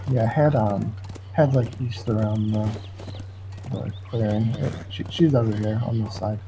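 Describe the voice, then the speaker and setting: A man's voice: lowish voice, steady tone, a little slow, warm tone, a little hiss or hum, rough recording. A man talking casually during a video game in a laid-back, hesitant way. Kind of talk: casual chat while playing a video game.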